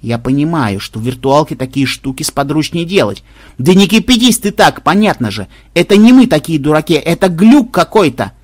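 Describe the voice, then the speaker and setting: A narrator voicing a calm, weary male team leader who talks in a soothing, placating way. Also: medium pitch, moderate pace, dry recording, studio quality.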